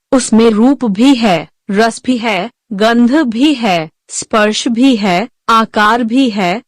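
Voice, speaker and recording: A woman giving slow, measured scripted narration of a religious teaching. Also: fairly high pitch, no room sound. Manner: slow, even, measured delivery.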